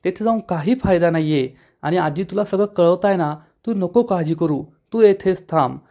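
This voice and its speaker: A man plays a protective mother in a retold serial, gently soothing her daughter. The voice sits fairly high for a man, and she talks kindly and reassuringly. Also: normal speed.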